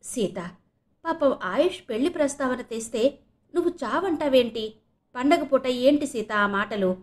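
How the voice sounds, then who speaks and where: A woman voicing a calm middle-aged father trying to soothe his angry wife in an audio novel reading. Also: high voice, close to an everyday voice. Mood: placating. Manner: placating, hurried.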